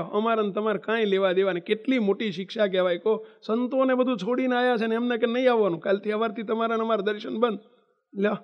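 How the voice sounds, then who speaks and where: A man's voice: high-pitched, lo-fi sound. A male preacher, giving a devotional sermon and telling a story, full of emphatic rhetorical questions and pleading repetition. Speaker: religious preacher.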